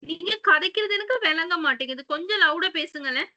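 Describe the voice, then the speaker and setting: A woman's voice: very high voice, expressive, a little fast, bright, forceful tone. A woman, teaching a class step by step in a patient manner. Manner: patient, step-by-step, mixes English terms. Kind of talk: online class explanation.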